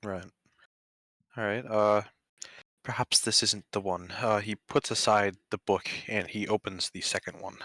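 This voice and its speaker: A man's voice: lowish voice, measured pace, dry recording. A man playing a tabletop game, chatting casually and describing his character's actions. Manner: casual, laughing, expressive. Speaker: player.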